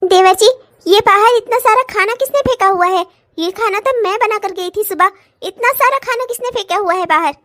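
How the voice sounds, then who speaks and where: A woman's voice: very high voice, moderate pace, few pauses, a bit bright, no room sound. A woman voicing a fed-up young working wife who scolds sharply in a cartoon comedy. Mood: scolding. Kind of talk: cartoon voice acting.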